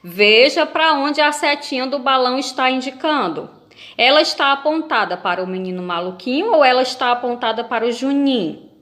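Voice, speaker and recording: A Brazilian woman with a fairly high voice gives a video lesson to young children. She reads a comic aloud patiently and keeps asking the kids questions as she goes. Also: animated, fairly quick, a bit bright. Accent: Brazilian Portuguese. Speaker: primary school teacher.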